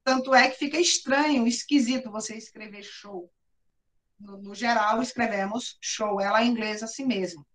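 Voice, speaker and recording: High-voiced Brazilian woman teacher. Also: normal speed, a bit bright. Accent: Brazilian Portuguese. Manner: explanatory, often asks for agreement and addresses the class directly. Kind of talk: classroom explanation.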